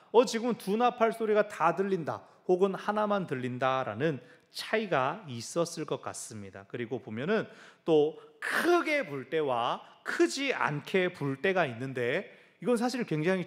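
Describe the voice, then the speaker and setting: A male pastor preaching a sermon in a church, telling stories lively and mimicking sounds with his mouth. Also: fairly high pitch. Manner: animated storytelling with sound effects.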